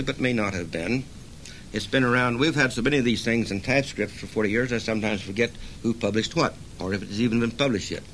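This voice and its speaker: An older man, a poet, reading his own verse in a measured, solemn recital, with hesitant asides between pieces. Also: mid-range voice, slight background noise. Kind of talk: poetry reading.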